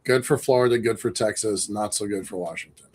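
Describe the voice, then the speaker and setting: A man's voice: lowish voice, fairly quick, darkish tone, breathy edge. A man co-hosting a podcast, speaking in short, agreeable remarks in a casual chat. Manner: brief, agreeable interjections.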